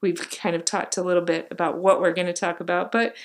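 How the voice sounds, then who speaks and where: A woman's voice: lowish voice, fairly even intonation, a little fast. A woman hosting a faith podcast, talking casually with lots of fillers and gushing praise for her guest. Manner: warm, gushing, filler-heavy with many "like"s. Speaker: podcast host.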